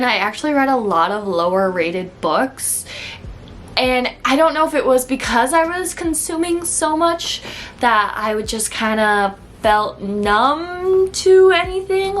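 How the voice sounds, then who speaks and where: A woman reviews a book in a casual, conversational chat to camera, much like a book vlogger talking to viewers. Her voice is fairly high and fairly bright, with slight background noise.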